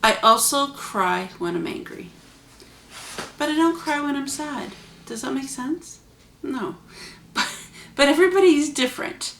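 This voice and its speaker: A woman's voice: sits high, expressive, a little slow, vocal fry, a bit bright, reverberant, slight background noise. A woman hosting her own vlog, talking casually and earnestly to her viewers with chatty asides. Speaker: vlog host. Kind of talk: casual spoken reflection to camera.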